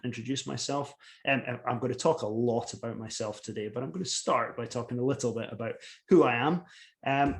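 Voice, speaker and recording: Scottish man, 40s, laid-back, self-mocking author speaking over a video call. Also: mid-range voice. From Scotland. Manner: relaxed, self-deprecating, chatty. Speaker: author giving a lecture. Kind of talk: casual talk. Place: home office.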